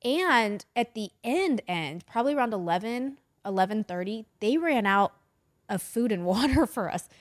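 A young woman co-hosting a casual chat, telling stories in an animated way, laughing often. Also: on the high side, moderate pace, no echo, clean studio sound.

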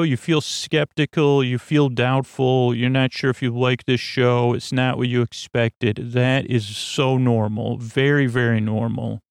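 A man hosting a sleep podcast, talking in a slow, creaky, rambling bedtime monologue full of stumbles and self-mocking tangents. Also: mid-range voice, no room sound, studio quality.

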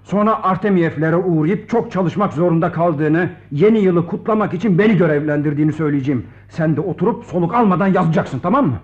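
A man's voice: fairly high pitch, quick pace, hardly any pauses, lightly acted. A man playing a firm, caring friend. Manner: firm, then hushed and soothing. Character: steady male friend, scolding yet caring. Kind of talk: radio play acting. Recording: dull lo-fi old radio recording.

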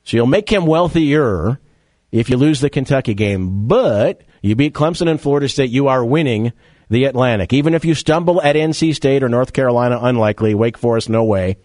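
A man's voice: medium pitch, lively intonation, brisk, darkish tone, dry recording. A man hosting sports talk radio, chatting through a monologue and an ad read with wry asides. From Rochester, New York area. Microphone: studio mic.

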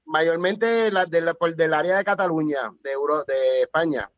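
Young guy from puerto rico guesting on a podcast, relaxed, kinda hesitant, high-ish voice, muffled lo-fi audio. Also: moderate pace, no room sound. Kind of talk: casual chat. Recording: slightly dull lo-fi sound.

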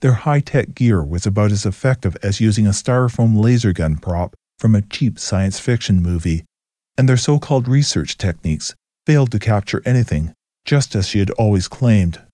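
A man giving a scripted, steady story narration. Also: fairly low pitch, normal speed, dry recording, clean studio sound.

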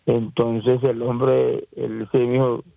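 Husky Colombian coastal man, phone-line sound. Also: mid-range voice, little pitch movement, takes it slowly, no echo. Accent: Colombian Caribbean coast. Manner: rambling, repeats and restarts, acts out quoted voices. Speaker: interviewee. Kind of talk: emotional first-person account. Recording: dry, tinny phone-like line.

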